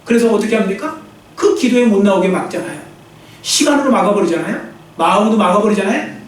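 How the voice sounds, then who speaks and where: A man with a high voice preaches to a congregation, pressing his points hard and slipping into the voices of troubled people. He sounds far from the mic, caught in a very echoey church hall. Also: animated, quick pace. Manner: emphatic, acts out quoted inner voices. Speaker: pastor. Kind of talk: sermon. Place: church sanctuary.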